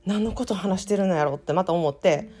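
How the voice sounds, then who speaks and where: A woman from Japan with a Kansai accent, hosting a casual solo podcast and telling self-deprecating stories in a chatty, animated way. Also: fairly low pitch, a little fast, faint music behind. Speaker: podcast host.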